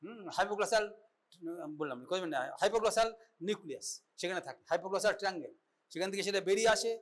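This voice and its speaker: A man's voice: sits high, brisk, a bit bright. A man giving a medical college lecture, instructive and often checking that students understand. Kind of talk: classroom lecture, demonstrating an exam.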